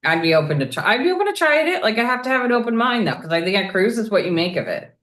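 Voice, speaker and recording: A woman's voice: medium pitch, big pitch swings, racing, fairly bright tone. A woman who creates cruise videos, chatting casually as a guest, with many filler words. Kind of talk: casual chat. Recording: echoey room.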